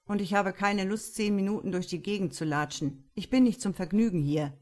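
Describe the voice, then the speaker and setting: A woman reading as a gruff cynical male cop. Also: mid-range voice, brisk, a little mellow, lightly acted. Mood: grumbling. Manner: gruff, sarcastic. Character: grumpy cynical male police detective.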